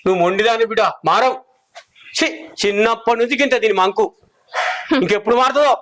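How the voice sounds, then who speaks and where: A man's voice: sits high, quick pace, a bit bright. An older man, playing a weary village father who scolds and pleads with his stubborn daughter.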